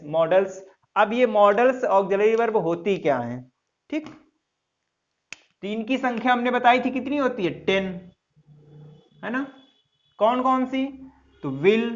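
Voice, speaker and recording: A man teaching an English grammar lesson at an unhurried pace, his voice sitting high. He keeps repeating key words and quizzes his listeners with quick questions. The recording sounds dull and lo-fi. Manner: recites a couplet slowly. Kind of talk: classroom lecture.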